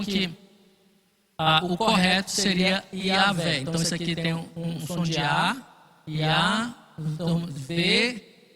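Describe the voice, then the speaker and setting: A man's voice: high voice, pushed and bright, in a large hall. A man teaching a Bible study class, explaining patiently and checking in often with his listeners. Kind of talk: classroom lecture.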